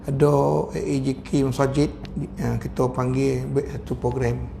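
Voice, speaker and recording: Animated gravelly Malaysian preacher. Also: male voice, medium pitch, a little slow, noisy background. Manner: animated, jokey, acts out voices. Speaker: religious teacher. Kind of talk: mosque lecture.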